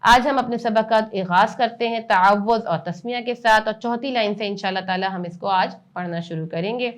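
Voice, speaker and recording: خاتون استاد، آہستہ بلند آواز میں ہجے. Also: female voice, medium pitch. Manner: slow, drawn-out loud recitation of syllables, then brisker explanations. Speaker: Quran reading teacher. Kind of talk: spelling-out Quran reading lesson.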